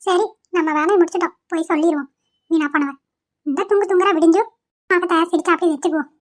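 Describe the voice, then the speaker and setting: A woman voicing a chatty middle-aged housemaid in a cartoon, talking in a shrill, grumbling way. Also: fast talker. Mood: fussing.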